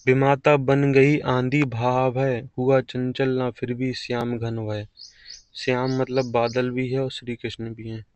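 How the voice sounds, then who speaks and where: A man's voice: mid-range voice, level tone, unhurried, darkish tone, smooth, no echo. A man teaching an exam-prep grammar lesson, explaining patiently and repeating key phrases.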